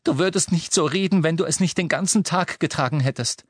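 A man's voice: a little high, fairly quick, breathy edge, no room sound, studio quality, voice pushed up. A man reading the part of a pleading young woman in a raised voice.

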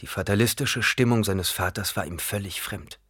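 A man narrating an audiobook in a calm, even storytelling manner. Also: on the low side, normal speed, husky, no room sound, clean studio sound. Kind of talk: audiobook reading.

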